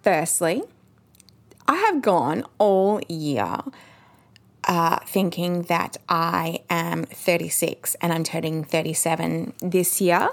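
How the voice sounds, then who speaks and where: A woman talks straight to her listeners as a podcast host. Her voice sits a little low, and her chat is loose and candid, full of ums and restarts. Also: takes it slowly, vocal fry. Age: 30s. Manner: chatty and candid, frequent ums. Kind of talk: casual podcast monologue.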